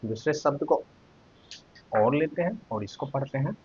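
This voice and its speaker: A man's voice: on the high side, animated, normal speed, a little mellow, slight background noise. A man teaching a Hindi grammar lesson online, asking the viewers questions and sounding out letters one at a time. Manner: asks questions to viewers, then answers them. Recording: dull lo-fi recording.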